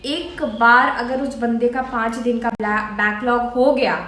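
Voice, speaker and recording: A woman's voice: on the high side, fairly even intonation, measured pace, fairly bright tone, faint music behind. A young woman from India talking casually to camera, giving earnest, coaxing advice like an older sister. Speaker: student vlogger. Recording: echoey room.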